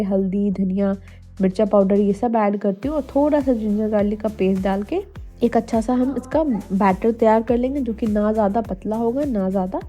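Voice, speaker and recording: A young woman from India, slightly hoarse from a cold, chatting to viewers in a casual cooking vlog voice-over. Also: fairly high pitch, warm tone, lo-fi sound. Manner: chatty, addresses viewers directly. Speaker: homemaker vlogger. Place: voice-over, not recorded in the pictured kitchen. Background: faint music.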